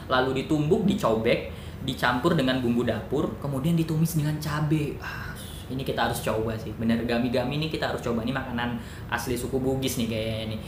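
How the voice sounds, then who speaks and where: An educational YouTuber, a man, casually explains words in a video, thinking out loud with fillers, self-corrections and jokey asides. It's recorded in an echoey room with noise and rumble.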